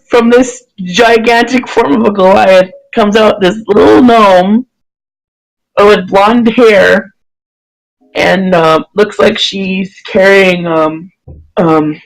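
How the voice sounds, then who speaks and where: Slow, hesitant dungeon master. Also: medium pitch, low-quality recording. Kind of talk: narrating a tabletop game.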